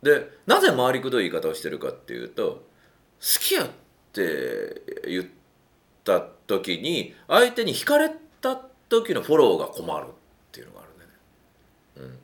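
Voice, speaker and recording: A man talking through dating advice in a casual monologue, animated and acting out little quotes, with a self-affirming "un" between points. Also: normal speed. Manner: animated, swoops widely in pitch, acts out quotes.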